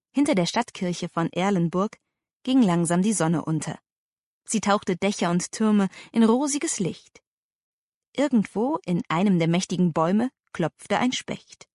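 A woman narrating a children's story in a vivid, animated way. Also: mid-range voice, no echo, clean studio sound. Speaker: audiobook narrator.

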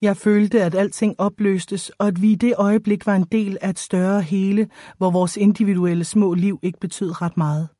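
Woman narrator, audiobook reading, measured expressive delivery, mellow voice, dry close sound. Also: mid-range voice, no echo. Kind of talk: first-person audiobook reading.

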